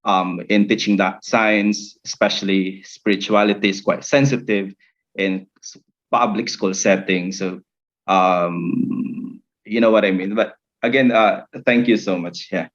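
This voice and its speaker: A man's voice: fairly low pitch, fairly even intonation, measured pace. A middle-aged man with a Filipino accent speaks off the cuff in an online discussion, hesitant and rambling, often repeating words. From Philippines. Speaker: physics teacher and researcher, audience questioner. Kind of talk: spontaneous question at an online discussion. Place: bedroom, in bed, on a video call. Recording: dull lo-fi video call audio.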